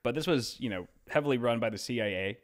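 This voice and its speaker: A man's voice: medium pitch, expressive, fast. Rambling, casual male podcast host. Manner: rambling, filler-heavy storytelling. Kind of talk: casual chat.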